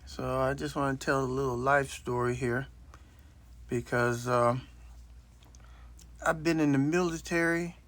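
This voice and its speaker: A vlogger in his late sixties records a rambling, blunt story on his phone as a casual monologue. His voice is medium-pitched and a bit bright, with no room sound.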